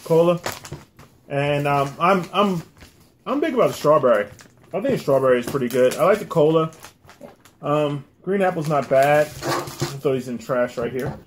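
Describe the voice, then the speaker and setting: Higher-voiced American man chatting casually. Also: lively intonation, normal speed, long pauses. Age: middle-aged. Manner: repeats phrases as he goes. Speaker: food review host. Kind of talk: casual chat. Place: small room indoors, at a table. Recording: clear background noise and clicks.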